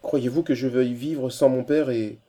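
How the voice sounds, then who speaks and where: A man's voice: mid-range voice, fairly even intonation, normal speed, warm tone, voice pushed up, lightly acted. A man voicing an emotional young princess who speaks with resolve in an audiobook reading. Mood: moved, resolute. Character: young woman, devoted princess, brave.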